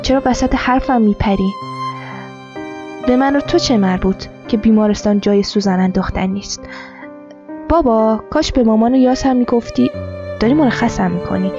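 A woman author reading her own literary story, narrating in a quiet, measured first-person voice. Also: a little high. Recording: dull lo-fi with soft music.

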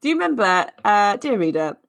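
A woman's voice: mid-range voice, big pitch swings, vocal fry. Laughing, riffing woman podcast host. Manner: laughing, swearing, quick riffing. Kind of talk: casual podcast chat.

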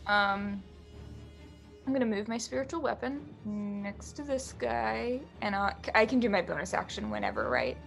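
Unsure gravelly-voiced woman player. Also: medium pitch, expressive, moderate pace, fairly bright tone, soft background music. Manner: unsure, apologetic, giggly. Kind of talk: casual tabletop play.

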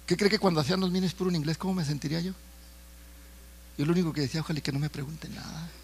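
A man's voice: fairly high pitch, fairly even intonation, racing, slight background noise. A middle-aged man preaching a sermon, talking to the congregation in a conversational way with stories and jokes.

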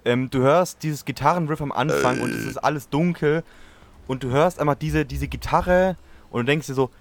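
A man's voice: on the high side, normal speed, gravelly. A man co-hosting a podcast, chatting casually and enthusiastically, rambling with many fillers and restarts. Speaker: podcast co-host. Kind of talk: casual chat.

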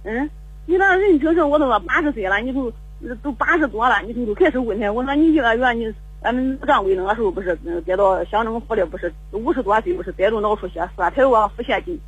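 On a phone line with rough audio, an older woman calls in to a radio show and rambles through a long, repetitive story, stammering and restarting. Her fairly high voice is animated and fast, with a breathy edge.

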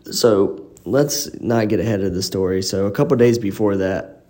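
A man's voice: lowish voice, moderate pace, warm tone. A man hosting a podcast, telling a personal story in a rambling casual way with lots of fillers, recorded on a phone in an echoey apartment living room. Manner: rambling, frequent "you know" fillers. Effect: echoey room reverb. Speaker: podcast host.

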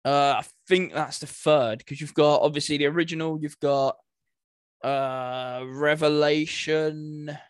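Slightly slow and fairly even in intonation, a man with a little high, clear and resonant voice talks through video game movies as a podcast co-host, thinking aloud and hesitating at times. It's studio-quality audio without any room sound.

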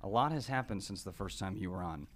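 A tired man hosts a laid-back podcast. He teases his guest often and laughs easily, keeping the talk loose. His voice sits slightly low. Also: animated, quick pace, a crowd in the background. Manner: joking, teasing, laughs often. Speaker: podcast host. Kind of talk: casual podcast chat.

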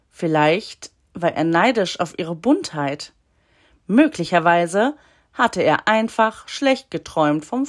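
Slow, calm woman reading a story. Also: fairly low pitch. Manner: calm, unhurried, voices the animals lightly.

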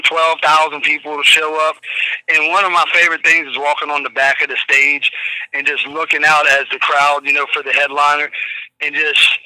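A folksy festival promoter talks plainly and easily in an interview. His voice is very bright and sits a little high for a man. It comes through a dry, close phone line. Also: dry recording. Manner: relaxed, folksy, plain-spoken. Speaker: festival promoter and talent manager. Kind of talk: casual interview chat.

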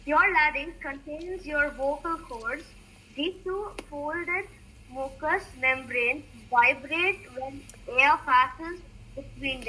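Woman, very high-pitched voice, bright tone, scripted science narration, careful explanatory delivery, series host. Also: low-quality recording.

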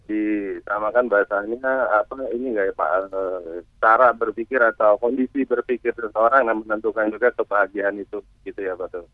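A man's voice: lowish voice, steady tone, no echo. Man on a breaking-up phone line. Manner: hesitant, halting, many fillers. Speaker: radio call-in listener. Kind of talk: phone-in question to a radio guest. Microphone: telephone. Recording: tinny phone line, dry.

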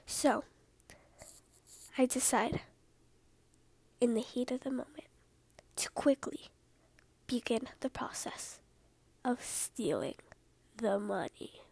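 Woman doing whispered storytelling, high voice, slow hushed whisper, chatty asides. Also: slightly rough, dry recording. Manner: soft whispering with rambling asides.

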